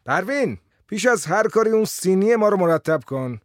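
A man's voice: medium pitch, sing-song, darkish tone, no room sound, clean studio sound. A man reading a story aloud, voicing an eager, hearty middle-aged male schoolteacher playing host. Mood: jovial.

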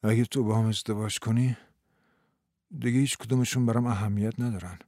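Guy doing a worn-out young man, low and husky, kinda flat and sad, audiobook. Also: no echo, studio quality, close to an everyday voice. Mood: downcast. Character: young man, weary, downcast playwright. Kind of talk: audiobook reading.

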